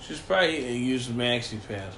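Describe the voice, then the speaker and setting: A man's voice: medium pitch, lively intonation, quick pace, a bit bright, reverberant, slight background noise. A man co-hosting a casual podcast chat from home, profane and rambling, laughing often, while nursing a broken foot. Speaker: podcast co-host. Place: home room with a dog nearby.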